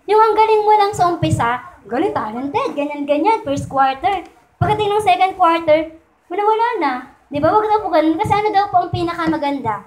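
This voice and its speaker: A woman's voice: very high-pitched, expressive, a little fast, echoey room, low-quality recording. A woman giving a sermon in mixed Tagalog and English, in a chatty manner that keeps asking her listeners to agree. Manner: conversational, asks "di ba po?" often. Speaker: church speaker. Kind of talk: Taglish sermon. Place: church.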